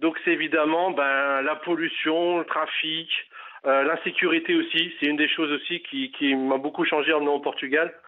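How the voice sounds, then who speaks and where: A man's voice: a little high, fairly even intonation, normal speed. Hesitant man on a tinny phone line. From Paris, France. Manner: hesitant, many fillers and restarts. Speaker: caller. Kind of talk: phone interview. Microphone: telephone.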